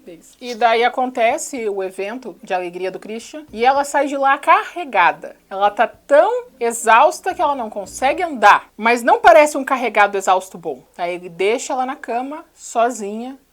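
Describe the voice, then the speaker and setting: A woman's voice: a little high, lively intonation. A Brazilian woman with a Brazilian Portuguese accent, recapping a film in a casual, sarcastic way. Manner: sarcastic, rapid storytelling. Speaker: channel host.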